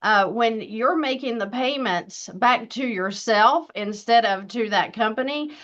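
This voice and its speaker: Here the host is a woman in her fifties, her medium-pitched voice fairly bright in tone. She keeps the casual interview chat upbeat and chatty, with some restarts, and the audio comes through dull and lo-fi.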